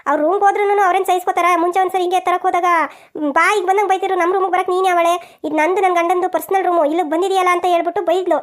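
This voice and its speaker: A woman's voice: very high-pitched, fairly even intonation, racing. A woman voicing a meek, tearful young daughter-in-law in a cartoon, apologetic and pleading. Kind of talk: cartoon voice acting.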